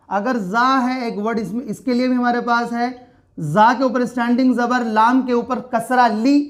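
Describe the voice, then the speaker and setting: Slow, patient woman teaching Arabic. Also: a little high. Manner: repeats each sound and asks the class back. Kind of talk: slow explanatory lesson.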